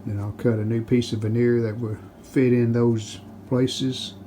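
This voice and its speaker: A restoration hobbyist and video host, speaking at medium pitch, narrates a hands-on how-to casually while working in his home basement workshop. He's plain-spoken, modest and unhurried, with steady background noise and handling rustle in the recording.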